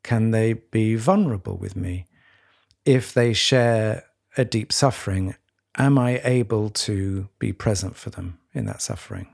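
A man co-hosting a podcast, talking reflectively in a halting, searching way with many restarts. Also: lowish voice, gravelly, darkish tone. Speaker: podcast co-host. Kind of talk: reflective conversation.

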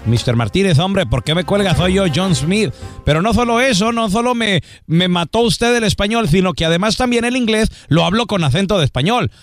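A man's voice: high-pitched, animated, fairly quick, dry recording, faint music behind. A man playing a whiny American speaking Spain Spanish. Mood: pleading. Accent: Spain Spanish put-on. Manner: complaining, pleading.

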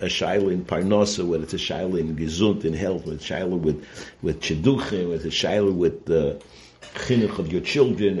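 A man teaching in an informal sermon style, conversational and halting, repeating phrases and checking in with rhetorical questions. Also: sits low, darkish tone, slight background noise. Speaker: rabbi giving a Torah lesson. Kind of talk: informal sermon, Torah lecture.

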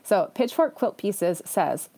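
A woman hosts her own casual solo podcast, chatting enthusiastically and tossing in self-deprecating asides. Her mid-range voice swings widely in pitch, and she speaks slowly in a mellow way.

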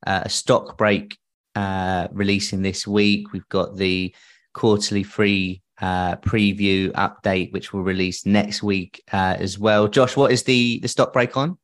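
A man's voice: fairly low pitch, flat delivery, measured pace. A man hosting a financial podcast in a conversational way. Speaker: podcast host.

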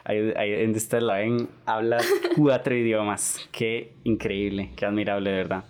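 A man's voice: on the low side, level tone, moderate pace, a little mellow, smooth. A young man hosting a podcast in casual chat, talkative and full of tag questions. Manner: chatty, repeats himself, lots of "¿verdad?". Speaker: podcast host.

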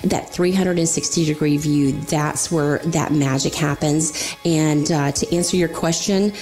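A middle-aged woman speaks as an advisor in a loose, explanatory, conversational style. Her voice is fairly low and notably soft-edged and mellow. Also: fairly even intonation, measured pace, faint music behind. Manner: informal, explanatory, often says "you know". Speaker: financial advisor guest on a radio show. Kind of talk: conversational financial advice talk.

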